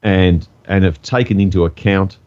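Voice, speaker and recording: A man co-hosting a podcast, talking in a measured, hesitant way with many pauses. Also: deep voice, a little mellow, muffled recording. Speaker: podcast co-host. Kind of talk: casual chat.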